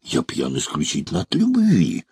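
A man's voice: low voice, wildly swooping pitch, normal speed, darkish tone, husky, dry recording, studio quality, exaggerated voice. A man voicing a theatrical, drunken young man who speaks in a wailing, affectedly despairing voice. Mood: mock-tender.

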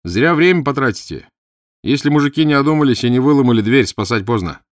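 A man voicing a composed, precise gentleman detective with a slight stammer. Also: medium pitch, lively intonation, quick pace, no room sound, clean studio sound, pitched above the performer's own voice, lightly acted. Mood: tense. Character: calm clever detective, gentleman.

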